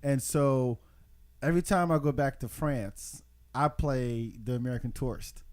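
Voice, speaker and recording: A man from Senegal telling animated stories in a casual chat, often stumbling and repeating words. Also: medium pitch, a little slow. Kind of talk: casual storytelling.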